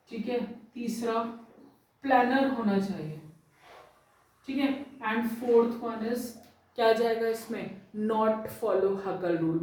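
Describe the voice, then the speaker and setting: A woman's voice: fairly high pitch, warm tone, heavy reverb, far from the mic, rough recording. A woman chemistry teacher giving a classroom lecture, explaining step by step and often checking that students follow. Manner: explains step by step, checks understanding with frequent "theek hai". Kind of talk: classroom lecture mixing Hindi and English.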